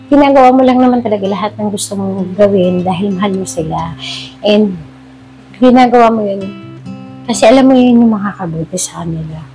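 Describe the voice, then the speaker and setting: A middle-aged mother with a Filipino accent vlogs in a sit-down confessional, her voice medium-pitched and mellow on a low-quality recording. She speaks slowly and emotionally, near tears at times, mixing English with Tagalog.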